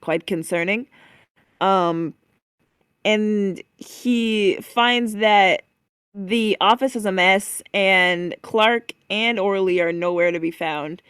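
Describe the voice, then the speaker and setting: A woman chats loosely about a game demo, stumbling through fillers and restarts. Her voice is smooth and resonant, recorded close and dry with no room sound, at an ordinary middle pitch. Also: slow, a bit bright, dry recording. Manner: chatty, many fillers and restarts, acts out quoted lines. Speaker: podcast co-host. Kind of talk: casual chat recapping a game demo.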